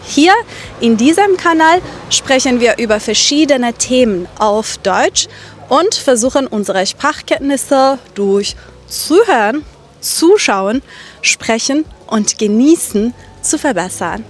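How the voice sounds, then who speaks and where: A woman from Iran, a German teacher, narrating a vlog for learners in a slow, deliberate way with some filler sounds. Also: on the high side, animated, slight background noise.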